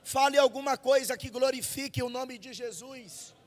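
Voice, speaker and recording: A Brazilian man preaching a fervent Pentecostal sermon into a handheld mic at a church service, shouting and repeating phrases for the congregation. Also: extremely high pitch, moderate pace, long reverb tail. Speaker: pastor. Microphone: handheld microphone.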